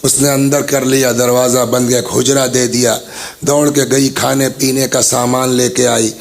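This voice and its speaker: Gravelly-voiced man preaching a majlis. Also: mid-range voice, level tone. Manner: dramatic storytelling, voicing the people in the tale; addresses the gathering directly. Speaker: religious orator. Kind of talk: Muharram majlis sermon.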